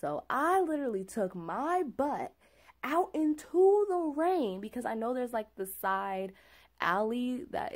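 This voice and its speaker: Chatty young woman telling a story. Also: medium pitch. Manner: chatty and animated, full of "like" and "okay?". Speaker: vlogger. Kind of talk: casual storytelling vlog.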